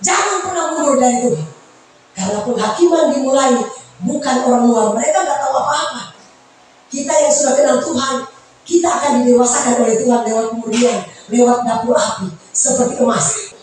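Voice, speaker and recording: A woman preaching a sermon, swinging between sung, shouted lines and hushed asides. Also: fairly high pitch, fairly quick, slight background noise. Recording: very echoey hall, heard from a distance.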